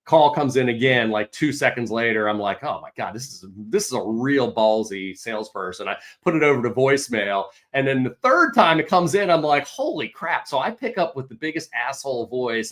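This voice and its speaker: A man hosting a casual livestream Q&A as a real estate agent, telling animated stories and swearing mildly. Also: mid-range voice, normal speed. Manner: chatty, animated storytelling with mild swearing.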